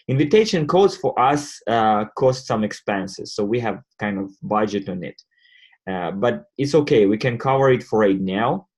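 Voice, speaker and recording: A man of ordinary pitch hosts an online community call. He explains things step by step in a halting way, often stopping to restart. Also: darkish tone. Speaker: host presenting a crypto wallet.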